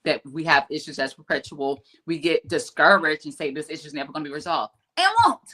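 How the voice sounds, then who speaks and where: A woman's voice: sits low, little pitch movement, a little fast, bright, forceful tone. A woman co-hosting a relationship podcast, speaking earnestly and thinking aloud in casual chat. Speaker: podcast co-host.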